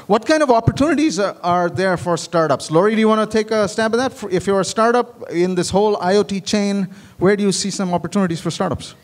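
A man's voice: sits high, fast talker, hardly any pauses. A middle-aged man moderating a conference panel through a handheld mic, who makes his points emphatically and draws out some phrases. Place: large conference hall stage. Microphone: handheld microphone.

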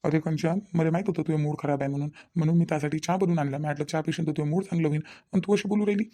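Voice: medium pitch, fairly even intonation, very fast, warm tone, lightly acted. A performer voicing a young husband in a cartoon, coaxing and pleading, caught between wife and mother, with a Vidarbha Marathi accent. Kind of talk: cartoon voice acting.

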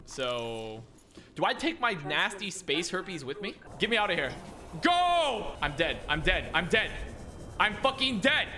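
A young man streaming a game, excitable and constantly swearing and exclaiming. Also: a little high, normal speed, a little hiss or hum. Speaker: gaming streamer. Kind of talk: casual game commentary.

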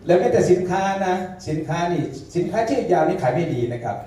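A man's voice: sits high, lively intonation, quick pace, dark tone. A man moderating a live panel, chatting and teasing the audience between introductions. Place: event hall with an audience. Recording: echoey hall, distant mic, faint room noise.

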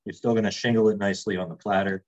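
A man's voice: lowish voice, rapid-fire, muffled recording. A man working as a chef, giving a casual cooking demonstration and explaining as he goes. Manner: relaxed, explains as he works, chatty asides.

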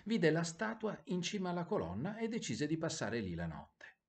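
Expressive male bedtime storyteller. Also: a little high, moderate pace, vocal fry. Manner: expressive, sing-song storytelling. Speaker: priest telling bedtime stories.

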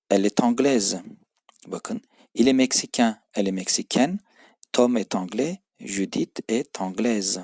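A man from Turkey teaching a language lesson, patiently explaining grammar and reading out example sentences a little louder. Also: husky, no echo, studio quality. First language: Turkish. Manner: reads French examples louder and higher, explains slowly in a patient, repetitive way. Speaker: French teacher.

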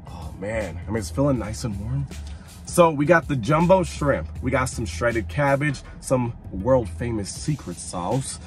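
A man casually reviewing fast food in a chatty, slangy, animated way, likely from a parked car. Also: mid-range voice.

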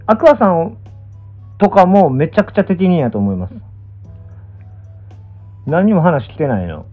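A man's voice: on the high side, lively intonation, measured pace. Young guy w/ kansai accent just chatting on stream, voice swings up and down, thin phone sound, bit of music behind. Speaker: pro gamer and streamer. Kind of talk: casual livestream chat. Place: small indoor room, lying down. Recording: muffled, thin phone-like audio.

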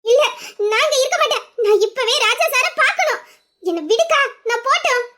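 A woman's voice: very high voice, fairly quick, fairly bright tone. A woman voicing a frantic young woman who pleads through tears to be taken to the man she loves. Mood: tearful insistence. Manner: pleading, insistent, near tears. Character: young woman, frantic and tearful, desperate to see her love. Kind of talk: Tamil audio drama acting.

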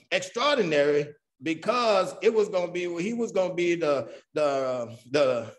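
Man teaching Sunday school, call and response. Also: fairly high pitch. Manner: keeps asking "what?" and answering himself; punctuates nearly every point with "amen". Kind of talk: Bible study teaching.

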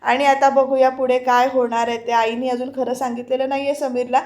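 A woman with a high-pitched, level, darkish voice speaks briskly in a reverberant space. She narrates a voice-over review of a TV serial episode, speaking directly to her viewers and retelling scenes by quoting each character's lines with little change of voice.

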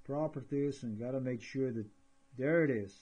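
A man with a husky, breathy voice talks through a screen recording. He rambles excitedly and narrates each step as he clicks through files. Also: medium pitch, moderate pace, rough recording. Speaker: vlogger.

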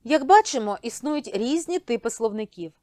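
Lively-voiced woman teacher in a video lesson. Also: a little high, moderate pace, dry recording, clean studio sound. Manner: clear, instructive, addressing students directly.

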